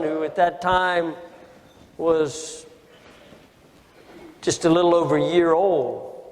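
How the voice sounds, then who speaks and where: High-voiced man telling a story in a hall. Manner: emotional, anecdotal, with asides to the audience. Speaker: speaker telling a war story to an audience. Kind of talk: storytelling speech. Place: auditorium. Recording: auditorium with long reverb.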